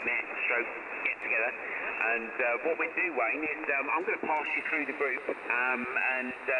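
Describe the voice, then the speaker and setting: Man making a ham radio call through loud static. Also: mid-range voice. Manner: friendly, uses call-sign phonetics. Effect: received over shortwave radio. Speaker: net controller.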